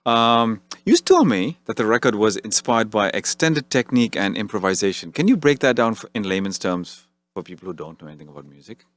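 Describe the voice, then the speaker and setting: A man hosting a radio interview, asking questions in a relaxed, friendly way. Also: on the low side, fairly quick, hardly any pauses, no room sound. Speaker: radio host.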